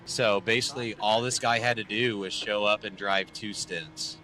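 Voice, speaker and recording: A man's voice: fairly low pitch, steady tone, normal speed, bright, forceful tone. A man in his thirties streaming sim racing from home, rambling casually to viewers with dry sarcasm and lots of fillers.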